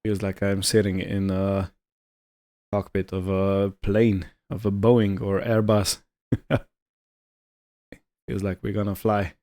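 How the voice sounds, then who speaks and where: Slow and flat, with frequent pauses, a man with a fairly low, slightly mellow voice gives casual roleplay gameplay commentary. The gaming video host thinks aloud while describing his actions against faint vehicle and ambient sound.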